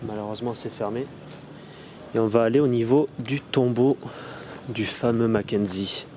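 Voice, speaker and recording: A man from France with a French accent, vlogging a paranormal investigation outdoors in a cemetery, recorded on a phone. He talks in a rambling way, often correcting himself, and slows down and turns polite when he calls out to spirits. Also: mid-range voice, background noise. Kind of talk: casual vlog.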